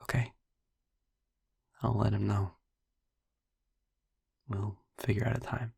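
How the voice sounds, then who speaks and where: With a full character voice, a man becomes a youthful vampire boyfriend, gentle, wistful and haunted by his past, in intimate audio roleplay. Tender and hesitant, he moves slowly with pauses, his husky, breathy, gravelly low voice flat in delivery but gentle and reassuring in mood. A close, dry mic gives studio quality with no room sound.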